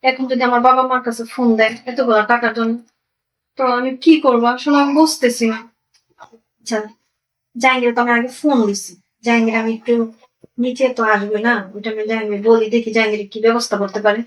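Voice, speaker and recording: An actress playing a deceitful young wife, pleading and wheedling, with a Bangladeshi accent. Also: female voice, a little high, flat delivery, quick pace, natural voice. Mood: anxious. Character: deceitful young wife hiding spent money. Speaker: migrant worker's wife. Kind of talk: amateur drama acting. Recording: voice distant from the mic.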